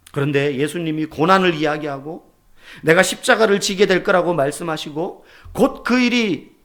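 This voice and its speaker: A man preaching a sermon as pastor, asking rhetorical questions and sometimes dropping to a soft near-whisper. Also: sits high.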